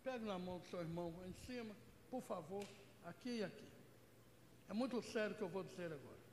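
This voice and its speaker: A woman's voice: mid-range voice, expressive, fast, darkish tone, slight background noise. A Brazilian woman missionary preaching a Pentecostal sermon, speaking emphatically and asking the congregation direct questions. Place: church hall. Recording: echoey church hall with long reverb.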